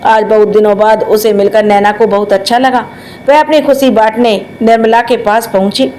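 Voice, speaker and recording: A woman narrates a family drama in a storybook style, reading in a steady, dramatic way. Her voice sits on the higher side, with a faint noise in the background. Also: moderate pace.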